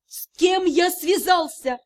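A woman voicing a brash, cheeky male dragon in an audiobook, loud, teasing and mock-innocent. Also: very high voice, takes it slowly, voice pushed up.

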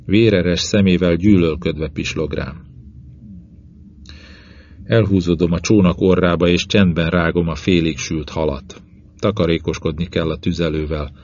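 A man reading a novel aloud in the first person, with measured, even pacing in short phrases. His voice is very deep. The recording is dull and lo-fi. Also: a little hiss or hum. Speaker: audiobook narrator.

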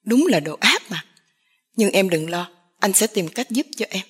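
A woman's voice: medium pitch, lively intonation, a little slow, husky. Woman voicing an anguished poor young man. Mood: alarmed angry. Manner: agitated, despairing.

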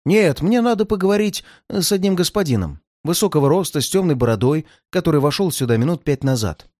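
A reader voicing a sly male criminal clerk who threatens in a slow drawl and turns to panicked cries, in a storybook reading. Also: medium pitch, expressive, a little mellow, no echo, clean studio sound, close to an everyday voice. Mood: smooth.

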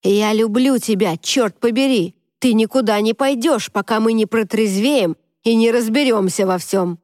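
A woman's voice: moderate pace, no echo, studio quality, lightly acted. A woman voicing a stubborn, threatening young man. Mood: exasperated. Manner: low, even and threatening.

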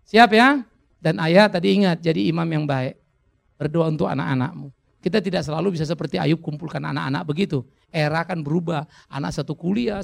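A man's voice: a little high, vocal fry, darkish tone. A male pastor preaching a sermon, earnest and exhorting, talking directly and conversationally to his congregation.

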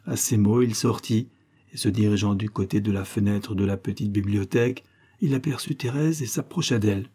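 Husky, mellow male audiobook reader. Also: moderate pace. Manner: reads calmly, lifting pitch for quoted speech. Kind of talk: scripted narration of a novella.

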